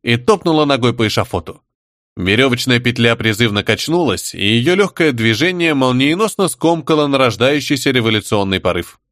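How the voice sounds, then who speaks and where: A man reading an audiobook aloud in a wry, deadpan narrating manner. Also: mid-range voice, fairly quick, no room sound, studio quality. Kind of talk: scripted narration.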